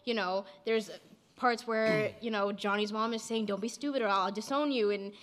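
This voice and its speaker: A woman's voice: mid-range voice, fairly even intonation, normal speed, a bit bright, in a large hall. A woman in a book discussion, sharing personally and searching for words. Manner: searching for words, many restarts. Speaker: book club participant.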